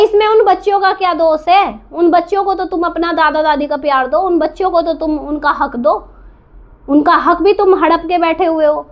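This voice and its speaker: Speaking to camera in a very high voice, this woman, a reaction vlogger, scolds indignantly and defiantly, throwing out rhetorical questions and repeating herself for emphasis. The highs in the recording are cut off.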